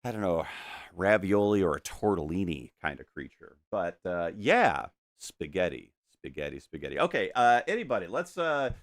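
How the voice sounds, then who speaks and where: A man's voice: lowish voice, very animated, normal speed, no echo. A middle-aged man chatting casually while painting on a live stream, rambling and restarting his sentences, at a desk microphone in a home studio. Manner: rambling and self-interrupting, with frequent stammered restarts and chuckles.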